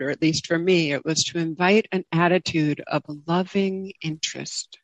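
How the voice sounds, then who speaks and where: Slow, reflective woman giving a dharma talk. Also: fairly low pitch, no room sound, rough recording. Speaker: meditation teacher giving a talk. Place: online group video call.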